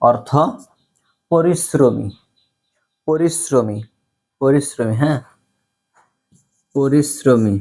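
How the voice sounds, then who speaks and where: Male tutor, unhurried drill voice, patient, repeats every word. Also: mid-range voice, mellow. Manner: patient, repeats each word many times. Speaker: English teacher. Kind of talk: slow vocabulary lesson, repeat-after-me drills.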